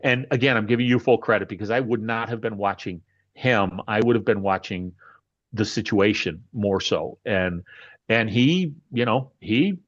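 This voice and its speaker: A man telling a story about his dog in casual conversation, animated and often restarting his sentences. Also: on the low side, normal speed, highs cut off. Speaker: dog owner.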